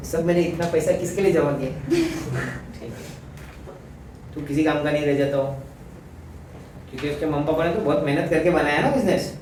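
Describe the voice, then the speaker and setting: Male teacher, chatty and joking, boomy echoing room, voice from a distance, faint hiss. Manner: chatty, joking, mixes Hindi and English. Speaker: physics teacher. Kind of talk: classroom lecture. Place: classroom. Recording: echoey classroom, mic far off.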